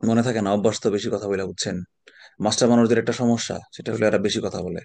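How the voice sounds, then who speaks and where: A man's voice: lowish voice, steady tone, fast talker, creaky, a little mellow, dry recording. Chatty Bangladeshi male teacher, dry sound. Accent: Bangladeshi Bengali. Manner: chatty storyteller, sprinkles in English words. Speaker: exam prep teacher. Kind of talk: online lecture with anecdotes.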